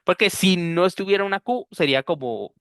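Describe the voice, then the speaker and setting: Costa Rican male teacher, patient explainer, fairly high voice, dry close sound, online class. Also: lively intonation, fairly quick, a bit bright, smooth, dry recording. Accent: Costa Rican Spanish. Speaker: English pronunciation teacher.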